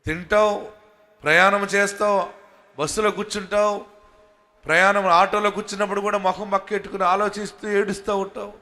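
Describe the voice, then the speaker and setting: A man with a Telugu accent preaching a sermon as a pastor, moving from quiet talk to loud fervent shouting. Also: high voice, level tone, brisk, long pauses. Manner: calls the congregation to say hallelujah. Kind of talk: Telugu sermon with prayer and promises.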